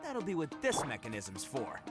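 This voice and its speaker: A man's voice: mid-range voice, wildly swooping pitch, moderate pace, over loud music. A man playing a brash, cocky young brawler in a video game, sounding vindicated and smugly boastful.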